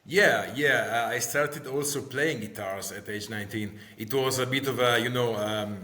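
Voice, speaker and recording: A middle-aged man with an Italian accent explaining things as an interview guest, halting and repeating words as he searches for them. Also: mid-range voice, pushed and bright. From Italy. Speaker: guest, guitar maker. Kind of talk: interview answers, casual explanation.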